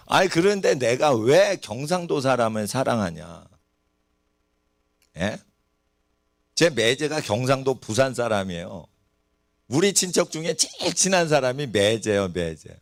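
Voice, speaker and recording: A man's voice: mid-range voice, big pitch swings, unhurried, pauses often, dry recording, clean studio sound. A man preaching a sermon in a church, asking the congregation rhetorical questions. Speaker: pastor. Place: church sanctuary.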